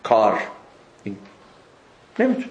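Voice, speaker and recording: A man's voice: lowish voice, huge pitch swings, highs cut off. A man giving an informal religious lecture, conversational, with rhetorical questions and jokey anecdotes. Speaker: religious speaker. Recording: echoey room.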